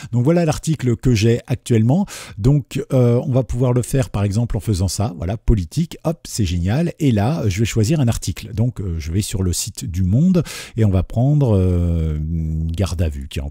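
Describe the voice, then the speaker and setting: A man walks viewers through a screen-recorded software tutorial in a relaxed, chatty voice. His tone is very dark and mellow with a husky edge. The recording is dry and close, with no room sound. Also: lowish voice, no echo. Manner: relaxed, chatty explaining with frequent fillers. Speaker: tech tutorial host.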